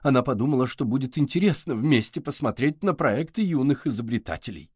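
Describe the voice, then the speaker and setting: A man's voice: mid-range voice, animated, brisk, darkish tone, breathy edge, no echo, clean studio sound. A man voicing a nervous, evasive older woman librarian who hesitates.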